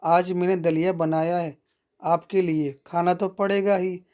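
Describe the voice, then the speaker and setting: A man voicing a patient, dutiful young daughter-in-law who answers calmly in a story reading. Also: sits high, a little slow. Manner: calm, soft-spoken.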